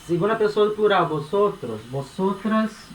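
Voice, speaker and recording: In this explanatory lesson, a Brazilian man with a high-pitched, expressive voice covers Spanish grammar at normal speed. He's patient and repetitive, tagging almost every phrase with "né?" or "tá?" to check on the listener, in an echoey room with faint ambient noise.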